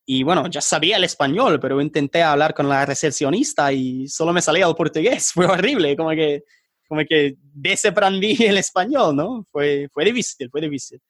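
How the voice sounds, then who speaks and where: An Englishman with an English accent speaks Spanish as a non-native speaker during a casual podcast interview, hesitating and searching for words; he's an online tutor and startup founder. His voice is fairly high and a bit bright at a normal pace, recorded in studio quality with no room sound.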